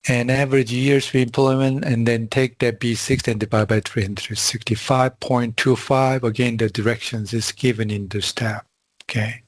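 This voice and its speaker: A man teaching a class over a video call, walking through spreadsheet formulas in a slow, halting way with frequent fillers. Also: medium pitch, flat delivery, dry recording. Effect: heard over a video call. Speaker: instructor. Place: video call from a quiet room. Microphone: computer mic on a video call.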